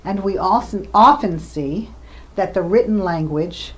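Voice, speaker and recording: A woman's voice: mid-range voice, a little slow. A woman researcher giving a lecture, explaining points and giving examples, with occasional fillers. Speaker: researcher lecturing on communication disorders. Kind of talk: recorded lecture presentation.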